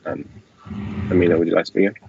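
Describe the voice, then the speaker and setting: Talking fast with vocal fry, a young English student host leads a relaxed, low-key Q&A over a video call from a small room at home, filling gaps with fillers. Background noise mixes with the dull, lo-fi audio from his laptop webcam mic.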